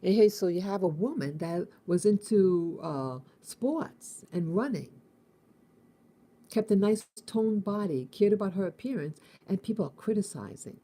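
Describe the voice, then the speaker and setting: Hosting a relaxed morning reflection, a woman from the United States in her fifties muses aloud, stopping, restarting and repeating words. Her voice is mid-range, expressive and mellow.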